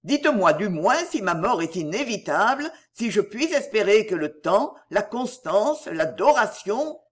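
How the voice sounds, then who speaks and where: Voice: mid-range voice, big pitch swings, measured pace. A reader voicing a passionate young male poet who pleads in desperate, breathless declarations. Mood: pleading.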